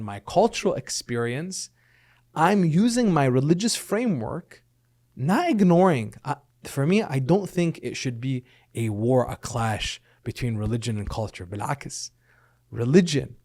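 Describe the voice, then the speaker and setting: His medium-pitched voice comes across as a little mellow. As a guest on a podcast, the middle-aged man, brought up in both Lebanon and the United States, lays out his ideas earnestly and keeps checking in with "right?".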